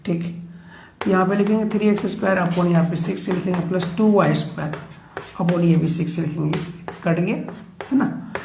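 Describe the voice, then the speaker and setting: A man with a high, creaky, mellow voice explains maths steps at a board, keeping a steady tone and moderate pace but pausing often. He's chatty and checks in with his students regularly, recorded in an echoey room with faint background noise.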